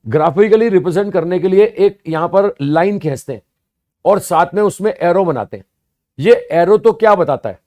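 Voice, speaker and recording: Slow, patient physics teacher, mellow voice. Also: male voice, high-pitched, lively intonation. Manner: slow, repetitive explaining with rhetorical questions; addresses students as "bhaiya" and "sahab". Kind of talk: classroom lecture.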